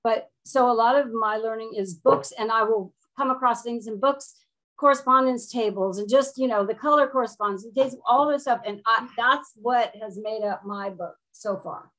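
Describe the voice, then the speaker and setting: A woman's voice: fairly high pitch, moderate pace, fairly bright tone, rough recording. An older woman from Florida, a student in a witchcraft class, chatting casually and rambling a little on a video call from a room at home. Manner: chatty, self-deprecating, rambling. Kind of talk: casual chat.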